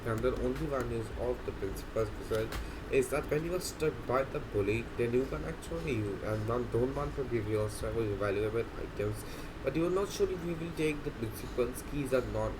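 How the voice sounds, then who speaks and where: A game video narrator gives unscripted gameplay commentary, rambling and explaining as he goes while often repeating and correcting himself. His mid-range voice is lively and brisk with few pauses, set against loud background music.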